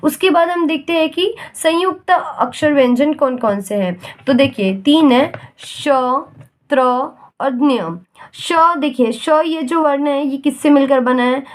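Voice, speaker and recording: A woman teaching a lesson, explaining patiently and checking in often, reciting letters slowly one by one. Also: high voice. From India. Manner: patient, repeats "ठीक है?" to check understanding. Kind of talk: classroom-style lesson explanation.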